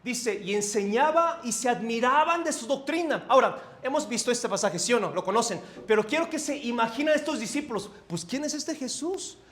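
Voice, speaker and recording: High-voiced Mexico City pastor preaching. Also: male voice, brisk, hardly any pauses. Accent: Mexico City Spanish. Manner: animated, asks the congregation questions, swings between loud and soft. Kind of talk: conversational sermon. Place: church sanctuary.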